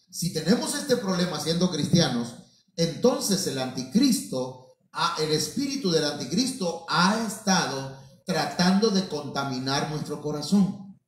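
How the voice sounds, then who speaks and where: Echoey preaching man, fairly high voice. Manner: addresses listeners as brothers, repeats and restarts words. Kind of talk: sermon. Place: church hall. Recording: very echoey room, mic at a distance.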